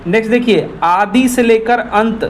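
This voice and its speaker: Man, high voice, exam tutor talking viewers through a quiz, repeats the key answers, faint hiss behind. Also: unhurried. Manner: repetitive, addresses viewers as friends. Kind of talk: explanatory quiz walkthrough.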